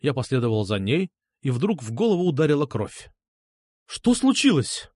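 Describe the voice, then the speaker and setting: A man narrating an audiobook in an expressive, dramatic reading style. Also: medium pitch, a little fast, dry recording, clean studio sound.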